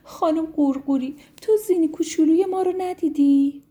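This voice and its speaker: A woman voicing a worried, caring mother snail in a bedtime storybook, with anxious, high-pitched calls. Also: mellow, close to an everyday voice.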